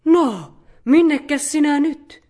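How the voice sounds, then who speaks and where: A woman voicing a motherly, choosy female bear in a storybook reading, talking loudly and with emphasis. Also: on the high side, expressive, voice pushed up, close to an everyday voice.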